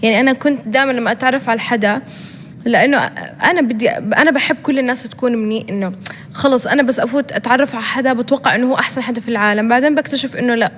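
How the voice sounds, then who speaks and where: A young woman with a Jordanian accent chats as an interview guest, rattling along at a very fast clip with fillers and self-corrections. Her voice sits a little high, and a long hall reverb trails behind her words. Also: slight background noise. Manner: fast, chatty, lots of fillers and restarts. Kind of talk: casual interview chat.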